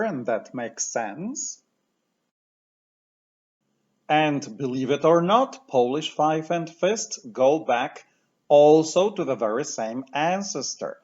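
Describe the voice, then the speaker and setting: A man teaching pronunciation patiently, saying each word slowly and repeating it for the listener to copy. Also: fairly high pitch, muffled recording. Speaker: language teacher. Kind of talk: slow, clear pronunciation lesson.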